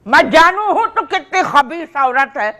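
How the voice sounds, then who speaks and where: A woman's voice: high voice, big pitch swings, measured pace, pushed and bright. An older woman with an old plays a scolding mother in a comedy drama, tossing out proverbs as she talks. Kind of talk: scripted comedy drama dialogue.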